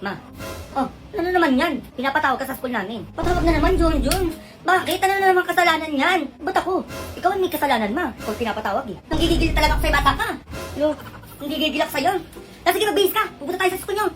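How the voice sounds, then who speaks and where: A woman acting out a comic sketch in quick, bickering exchanges. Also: high voice, animated, over music. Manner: rapid, bickering back-and-forth. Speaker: comedy skit performer.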